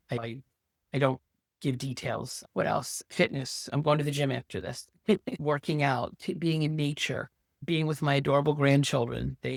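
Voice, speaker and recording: A woman's voice: a bass voice, creaky, no room sound. Older woman, emphatic storyteller, dry sound. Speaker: podcast guest, social worker and therapist. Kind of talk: casual interview conversation.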